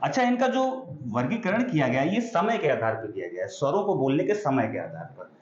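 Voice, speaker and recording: A man teaching an exam-prep grammar lesson, patiently spelling out sounds and often asking if it is clear. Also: fairly high pitch, sing-song, fairly quick, a little hiss or hum. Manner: explains patiently, drawing out sounds and checking understanding. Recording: echoey room, dull lo-fi sound.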